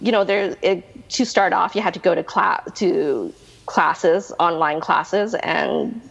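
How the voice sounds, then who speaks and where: A woman's voice: fairly low pitch, takes it slowly, gravelly, slightly rough, in a large hall, lo-fi sound. A woman in her thirties with a Canadian accent, answering interview questions in a chatty, rambling way full of restarts and fillers. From Canada, Manitoba. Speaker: guest, realtor.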